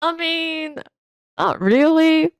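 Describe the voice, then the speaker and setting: A woman's voice: high voice, animated, very slow, no echo. A woman opera singer chatting casually as a guest, thoughtful and hesitant, with many fillers. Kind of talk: casual reaction chat.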